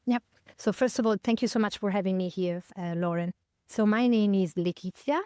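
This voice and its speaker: Her voice is smooth, resonant and warm, mid-range in pitch, and she speaks slightly quickly, recorded close and dry. This Italian-accented woman in her fifties, from near Milan in northern Italy, is a podcast guest in a reflective interview, thinking aloud with fillers and corrections of herself.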